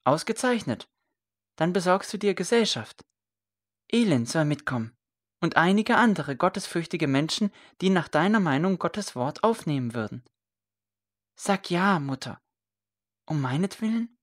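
A woman's voice: lowish voice, lively intonation, a little slow, pauses often, voice pushed up. A woman voicing a young man, a former royal scribe, zealous and defiant, speaking earnestly and fervently. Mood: pleading.

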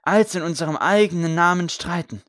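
A man voicing a gaunt condemned priest who preaches loudly to a crowd. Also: on the high side, a little fast, no echo, studio quality, voice pushed up, lightly acted. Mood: fervent. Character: gaunt condemned male priest, fervent and forgiving.

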